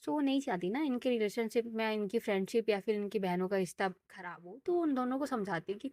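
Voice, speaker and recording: A young woman vlogging in a casual, animated way, ranting about home life and then retelling a story, switching between Hindi and English. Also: mid-range voice, a little fast, no room sound, clean studio sound.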